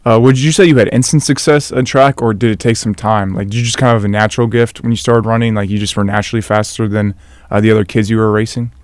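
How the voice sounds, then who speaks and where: A young man hosting a casual interview podcast, asking relaxed questions full of "uh"s. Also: fairly low pitch, fast, no echo. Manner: relaxed, filler-heavy questions. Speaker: podcast host.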